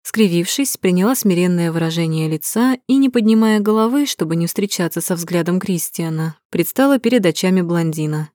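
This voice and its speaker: A woman's voice: fairly low pitch, lively intonation, fairly quick, hardly any pauses, mellow, no room sound. A woman narrating a romance novel in the first person, reading expressively and dramatically on a close mic. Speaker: audiobook narrator.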